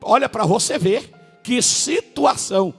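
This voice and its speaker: A male pastor preaching a sermon, with a northern Brazilian accent, a raspy voice, and sudden shouted peaks between drawn-out words. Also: extremely high pitch, lively intonation, long reverb tail, faint music behind. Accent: Brazilian Portuguese, northern.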